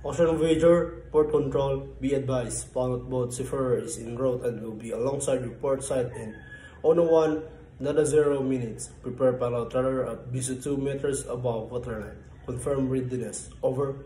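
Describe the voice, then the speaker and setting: In an echoey room with a faint hum and some quiet music behind him, a man plays a port control operator replying over marine radio. His delivery is scripted, formal and clipped as he issues instructions, with a steady, mellow, medium-pitched voice at a moderate pace.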